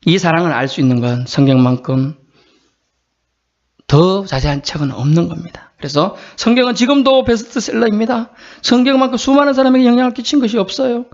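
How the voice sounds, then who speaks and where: A male pastor preaching a sermon in an earnest, conversational way, sometimes acting out quotes in a high voice. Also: brisk, a little mellow, highs cut off.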